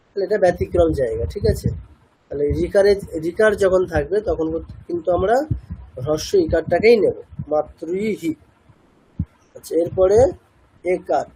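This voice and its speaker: A man's voice: high voice, dark tone, slightly rough, rough recording. A man teaching chanting pronunciation in a patient class lesson, asking questions and answering them himself. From India. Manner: patient, asks and answers his own questions.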